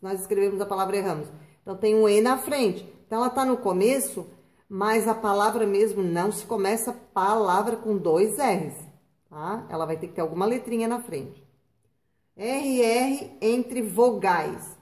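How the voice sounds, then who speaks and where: A woman teaching children a spelling lesson, patient and slow, drawing out words and checking in with "tá?" and "né?". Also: mid-range voice, darkish tone. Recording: echoey room.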